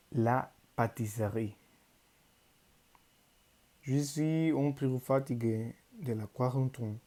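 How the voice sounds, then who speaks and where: A teenage boy from Mexico, a native Spanish speaker with a Mexican Spanish accent, reading a prepared class presentation in a careful, halting learner's way. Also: medium pitch, warm tone. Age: teens. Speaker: high school student.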